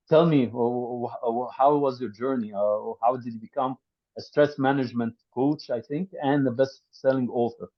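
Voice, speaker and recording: A man's voice: mid-range voice, muffled recording. A man hosting a podcast who asks questions hesitantly, with many restarts and fillers. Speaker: podcast host. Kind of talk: interview questions.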